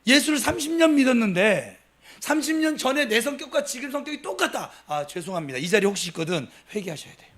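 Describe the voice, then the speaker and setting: Animated high-voiced preacher man. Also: quick pace. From Gimcheon, Gyeongsang province. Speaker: pastor. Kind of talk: sermon at a Wednesday prayer service.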